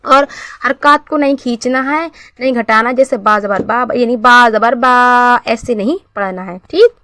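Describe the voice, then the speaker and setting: A woman teaching a beginners' Quran reading lesson. She asks questions and answers them herself, and drills syllables slowly and clearly. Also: a little high, no echo.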